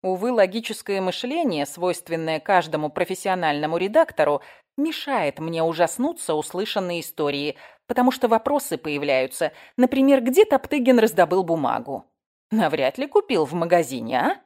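A woman's voice: fairly low pitch, sing-song, normal speed, a little mellow. A woman narrating an audiobook in a plain, wry storytelling manner. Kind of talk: scripted narration.

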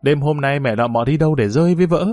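A man's voice: on the high side, quick pace, darkish tone, faint music behind, natural voice. A man reading the part of a passionate young village woman, pleading and intimate in a story. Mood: curt.

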